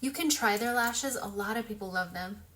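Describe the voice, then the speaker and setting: A woman's voice: mid-range voice, normal speed, fairly bright tone. Chatty young woman doing a makeup tutorial. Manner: chatty, self-deprecating, talks while working. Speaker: makeup vlogger. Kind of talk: casual tutorial chat.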